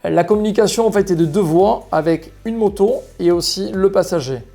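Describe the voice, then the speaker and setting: Speaking straight to viewers, a male shop presenter delivers an explanatory, semi-scripted product presentation. His voice is high and mellow with some vocal fry, and he keeps a moderate pace.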